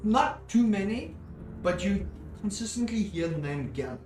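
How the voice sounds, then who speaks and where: A man's voice: high voice, big pitch swings, moderate pace, a little mellow. A man running a tabletop fantasy game as game master, improvising narration and repeating phrases for emphasis. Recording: echoey room, faint music behind. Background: faint music.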